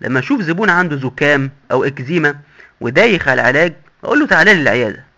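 A man's voice: on the high side, lively intonation, rapid-fire, pushed and bright. A man with an Egyptian accent voicing a boastful, sly male doctor in hell who lectures glibly and mockingly. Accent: Egyptian Arabic. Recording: dull lo-fi recording.

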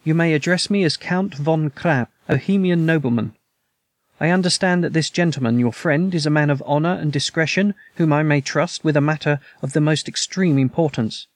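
A man's voice: fairly high pitch, normal speed, dry recording, natural voice. A man reading the lines of a proud, masked nobleman king in an audiobook story, with formal, stately speech.

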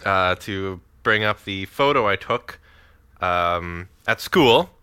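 Podcast dude with a bright edgy voice, kinda low, telling stories all worked up. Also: male voice, takes it slowly, clear, resonant tone, no room sound. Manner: excitable, swearing, storytelling. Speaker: podcast co-host. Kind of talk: casual chat. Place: Canada.

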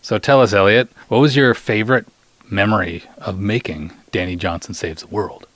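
A middle-aged man hosts and interviews on a podcast in a lowish voice that is a bit bright, moving at a moderate pace. His style is casual, playful and teasing, suited to light interview talk. No room sound is audible.

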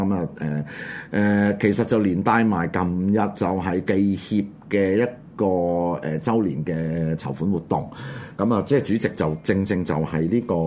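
A man with a Hong Kong Cantonese accent, hosting an online radio show and chatting casually about current events in a subdued, halting way. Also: low voice, mellow. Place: studio.

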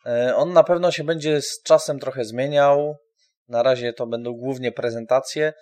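A man hosting a podcast, speaking informally and haltingly with frequent pauses as he gives an introduction. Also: mid-range voice, darkish tone. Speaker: podcast host.

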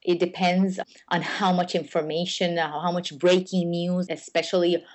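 A woman's voice: on the low side, flat delivery, normal speed. A woman from Rico, answering interview questions in an earnest way and often restarting her sentences. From Puerto Rico. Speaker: guest, blog network editor.

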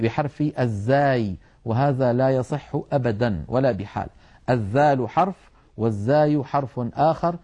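A middle-aged man with a dark, mellow tone teaches Quran recitation. He talks at a measured pace, explaining step by step and sounding out individual letters so learners can copy them. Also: medium pitch. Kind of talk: televised tajweed lesson.

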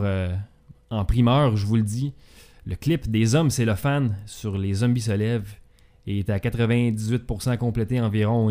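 A man's voice: fairly low pitch, mellow. A man with a Québécois accent hosting a casual talk show, hesitant and full of filler sounds. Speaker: podcast host. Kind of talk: casual chat.

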